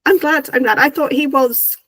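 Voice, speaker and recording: A woman's voice: high voice, moderate pace, a bit bright, dry recording, low-quality recording. A woman hosting a casual review discussion, talking enthusiastically, quoting dialogue and using lots of "kind of like" fillers. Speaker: host.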